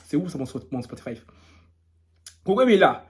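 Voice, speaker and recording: Male gossip vlogger, high-pitched, playful and teasing, reads posts aloud and mocks them. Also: big pitch swings, normal speed. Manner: playful, teasing, laughs often. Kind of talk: casual gossip commentary.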